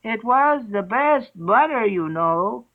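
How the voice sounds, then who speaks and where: A man's voice: high voice, expressive, slow, voice pushed up, full character voice. A man voicing the March Hare, a meek, odd male hare with a plaintive way of speaking. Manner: soft-spoken, plaintive. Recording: narrow phone-like sound.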